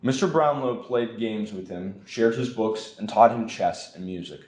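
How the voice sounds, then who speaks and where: A man's voice: fairly low pitch, normal speed. Young man reading a children's story. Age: young adult. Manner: expressive reading. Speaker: student storybook reader. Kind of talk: children's story read-aloud. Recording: roomy echo.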